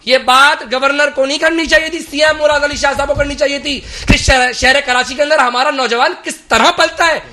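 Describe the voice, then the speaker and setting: Guy from karachi on a talk show, really high voice, fired up and emphatic. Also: fairly even intonation, hardly any pauses, bright, forceful tone. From Karachi, Pakistan. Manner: impassioned, emphatic, rhetorical. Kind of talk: political talk show discussion.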